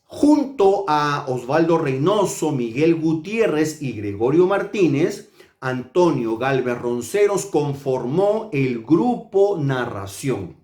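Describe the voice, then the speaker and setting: A man from Peru, a literature teacher, reviewing a book in a slow, measured and deliberate way. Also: fairly high pitch, sing-song, a little mellow, echoey room.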